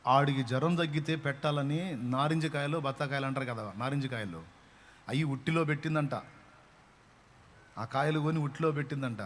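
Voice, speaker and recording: A man's voice: fairly high pitch, a little fast, pauses often, a little hiss or hum. Fervent male preacher telling a story. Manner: dramatic storytelling, rising to loud fervent proclamation. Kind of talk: sermon storytelling.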